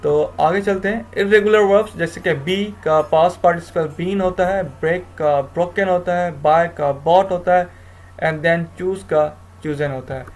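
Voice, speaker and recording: A man's voice: on the high side, a little slow. A man giving a grammar lecture, explaining rules step by step in a mix of Hindi and English, often repeating himself and restarting. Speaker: teacher.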